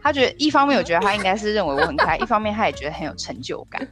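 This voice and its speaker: Brief: woman podcast host, casual and animated, quick delivery, lively pitch. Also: over loud music. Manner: animated, acts out quoted voices. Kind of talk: casual chat.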